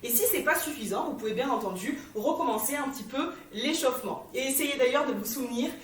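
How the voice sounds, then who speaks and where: A woman fitness instructor guiding a warm-up class, giving encouraging step-by-step cues while she exercises. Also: sits high, expressive, fast, a little hiss or hum. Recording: echoey room, voice from a distance.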